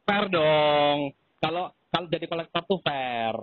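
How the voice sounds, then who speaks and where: Over a tinny phone line, a man with a fairly high voice argues with a debt collector in a recorded call. Unhurried, he mocks her and lectures her.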